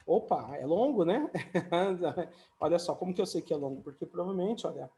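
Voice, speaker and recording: A man's voice: on the high side, animated, normal speed, warm tone. A man teaching English comparatives in a casual, chatty video lesson, often adding little tag questions and light jokes.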